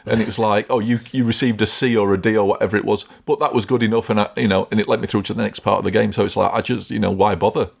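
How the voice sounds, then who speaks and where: Gravelly low-voiced man, rambling podcast chat. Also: steady tone, rapid-fire, few pauses. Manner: rambling, self-correcting, emphatic. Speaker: podcast co-host.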